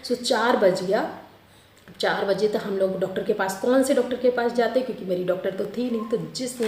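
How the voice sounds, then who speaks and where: A young adult woman telling her own childbirth story in a casual, expressive way, correcting herself as she goes. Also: medium pitch. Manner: chatty and expressive, with self-corrections and a few laughs. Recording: roomy with faint background noise.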